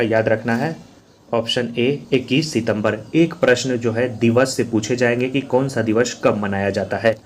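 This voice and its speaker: In this quiz-answer walkthrough lesson, a male exam coach drills through questions and answers repetitively. He speaks in a mid-range voice, and there's slight hiss or hum in the background.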